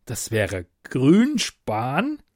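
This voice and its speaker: A man reading a story aloud, voicing Ute, a woman who works at a tax office, in an indignant, sharp, raised voice. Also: medium pitch, huge pitch swings, drawn-out words, dry recording, studio quality, full character voice. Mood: exasperated.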